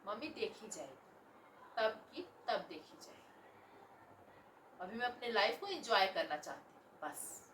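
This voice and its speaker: A woman's voice: medium pitch, big pitch swings, moderate pace, a bit bright, a little hiss or hum. A woman playing a selfish young married daughter who whines and argues back at her mother in a home family drama. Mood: petulant defiant. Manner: petulant, whining, dismissive. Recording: roomy echo, voice from a distance.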